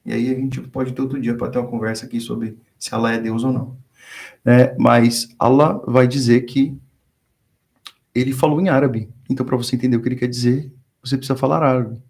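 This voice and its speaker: A Brazilian man appears as a guest speaker on theology, explaining religion in a casual, teaching way and acting out the dialogue he quotes. His mid-range voice is creaky and a little mellow.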